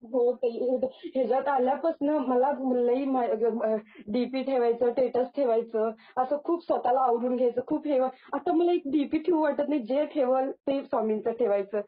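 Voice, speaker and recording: A young adult woman, a guest, tells a personal devotional experience in casual speech, halting often with false starts and restarts. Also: sits high. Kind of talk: casual spoken testimony. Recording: tinny phone-line sound.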